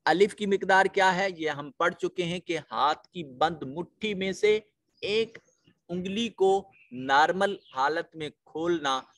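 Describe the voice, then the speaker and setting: A man with a Pakistani Urdu accent teaching a Quran lesson, reciting verses in a slow, drawn-out chant and explaining pronunciation rules methodically. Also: on the high side, a bit bright, no echo, clean studio sound.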